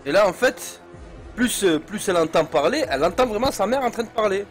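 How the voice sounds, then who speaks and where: Un jeune homme raconte une histoire qui fait peur, d'un ton familier, en argot, avec beaucoup d'hésitations et de « euh ». Sa voix est un peu aiguë pour un homme, sur une faible musique de fond. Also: male voice, high-pitched, animated, a little fast, soft background music. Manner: slangy, hesitant with many fillers. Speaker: storyteller. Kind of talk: casual spoken horror story.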